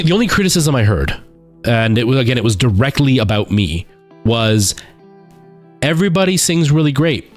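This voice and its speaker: Male streamer, lowish voice, candid, self-deprecating, informal chat delivery over faint music. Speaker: streamer chatting with viewers, stage musical performer. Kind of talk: casual livestream chat.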